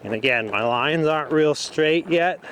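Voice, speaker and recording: Riding outdoors in an open arena, a man who trains horses offers instructional commentary in clipped, broken phrases. He has a fairly bright, higher-pitched voice at normal speed, the audio sounds dull, and faint outdoor noise comes through.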